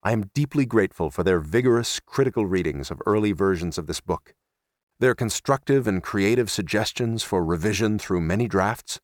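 Low-pitched man, formal book reading. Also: no room sound, studio quality.

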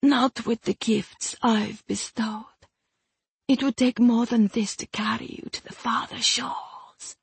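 A woman reading an audiobook puts on a seductive spirit of the gem, breathy and hushed, with every line soft and honeyed. She speaks slowly and possessively, and the voice sits close and dry. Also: fairly high pitch, dry recording, pitched above the performer's own voice, exaggerated voice. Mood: honeyed whisper. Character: seductive ancient female spirit bound in a gem. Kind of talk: audiobook character voice.

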